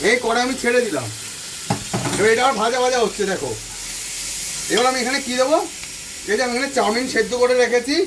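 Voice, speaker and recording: A man's voice: extremely high pitch, a bit bright, a little hiss or hum. A man hosting a home cooking channel, walking viewers through a recipe step by step, repeating each instruction and speaking to them directly from his kitchen stove. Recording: voice from a distance off the mic. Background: frying sizzle and stirring.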